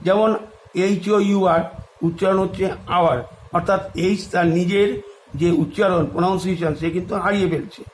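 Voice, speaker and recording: A man teaches English spelling. He spells each word out letter by letter and then repeats it in a steady classroom manner. A faint hiss and a few clicks sit behind the voice. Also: high-pitched, brisk, poor audio. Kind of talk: spoken English lesson in Bengali.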